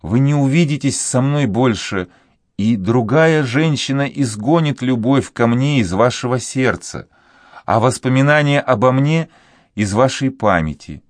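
A man's voice: mid-range voice, animated, measured pace, no echo, studio quality, pitched above the performer's own voice, close to an everyday voice. A man voicing a sorrowful sixteen-year-old girl in love, speaking in a sad, pleading way. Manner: sad, pleading, soft-spoken.

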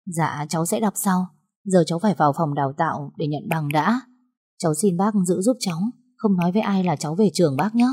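A woman voicing an anxious young woman who speaks quietly and urgently and keeps her secrets. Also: fairly low pitch, brisk, husky. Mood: earnest.

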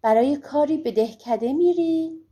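A woman voicing a sick young husband who sounds gentle and resigned, in a storybook reading. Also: high voice, lightly acted.

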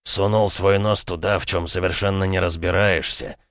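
A man reading a cold, commanding older prince in an audiobook, his low voice sounding close and dry. He speaks in curt orders and threatens with an even calm. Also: moderate pace, no echo. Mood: cold, scolding. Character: stern, cold older male prince, a father.

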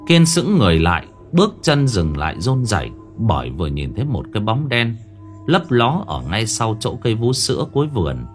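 A man's voice: fairly low pitch, sing-song, brisk. A man narrating a horror story with dramatic expression. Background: faint music.

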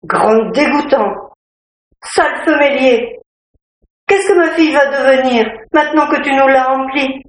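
A woman's voice: sits high, unhurried, pauses often, echoey room, rough recording. A woman voicing a coarse, furious village mother who screams insults in an audiobook drama.

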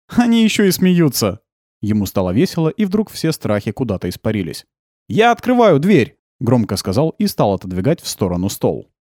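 Mellow guy reading a sci-fi audiobook, lively pitch, dry close mic. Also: dry recording. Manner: calm, even storytelling, brightening for dialogue. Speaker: narrator. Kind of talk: audiobook narration.

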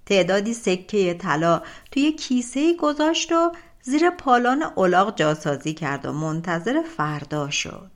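Expressive woman folk tale narrator. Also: mid-range voice. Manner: expressive, colloquial, drawn-out phrase ends. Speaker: audiobook narrator.

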